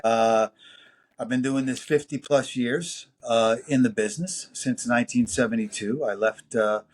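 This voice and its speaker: A man in his sixties with a New York accent, telling long anecdotes as an interview guest, full of fillers and lively quoted voices. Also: medium pitch, moderate pace. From New York City. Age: 60s. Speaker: music producer and engineer guest. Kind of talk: casual interview storytelling.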